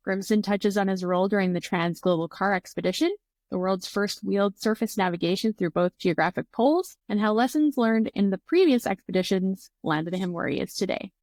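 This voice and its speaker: A woman's voice: mid-range voice, a little fast, darkish tone, no echo. A woman hosting a podcast, reading an intro and interviewing a guest with upbeat enthusiasm. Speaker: podcast host. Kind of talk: scripted intro, then casual interview.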